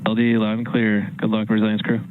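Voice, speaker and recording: A man's voice: lowish voice, monotone, a little fast. A man on astronaut radio from launch control, speaking in procedural comm checks. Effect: radio transmission. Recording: tinny, very noisy radio link.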